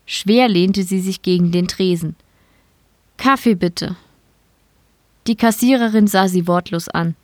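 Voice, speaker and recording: Woman reading a story out loud, calm and measured, mid pitch, dry close mic. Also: no room sound. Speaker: story reader. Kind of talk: scripted narration.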